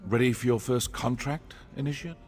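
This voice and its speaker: A man's voice: medium pitch, moderate pace, a little mellow, close to an everyday voice. An actor playing a stern, condescending male assassin trainer, dry and impatient, in video game dialogue. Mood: sardonic. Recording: game audio with faint music.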